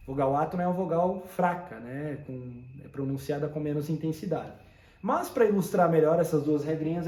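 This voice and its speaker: A man's voice: a little high, a little mellow, reverberant. A man teaching a poetry lesson, explaining step by step and often checking that listeners follow.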